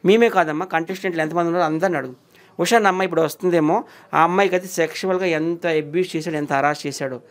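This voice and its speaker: Fast talking guy on an interview, high pitched, keeps hammering his point. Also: fairly even intonation. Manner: insistent, accusing, repeats points. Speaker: interview guest. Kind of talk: heated interview talk.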